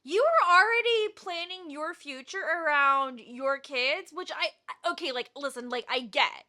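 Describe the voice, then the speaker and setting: A woman's voice: sits high, measured pace, bright, forceful tone. A young woman hosting a reaction video, ranting in an exasperated, casual way.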